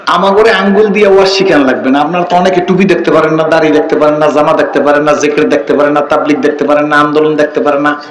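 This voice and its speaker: Man preaching to a crowd, sore throat, keeps making them shout back, roomy pa echo. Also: fairly high pitch, steady tone, fast talker. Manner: calls on the crowd to answer loudly. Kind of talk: folksy open-air sermon.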